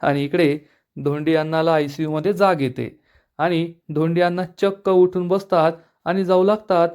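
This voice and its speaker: A man retelling a TV serial episode in a brisk, plain storytelling narration. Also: a little high, level tone, darkish tone, clean tone.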